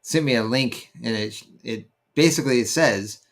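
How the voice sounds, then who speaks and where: A man's voice: medium pitch, moderate pace. A man co-hosting a podcast in casual chat, rambling and often stopping to search for words. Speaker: podcast co-host.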